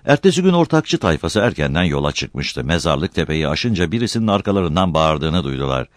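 Deep-voiced male audiobook narrator. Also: very animated, a little fast, no room sound, studio quality. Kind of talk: scripted narration.

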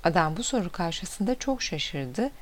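A woman reading short fables and wise sayings aloud in a steady, expressive manner. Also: lowish voice, measured pace. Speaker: storyteller.

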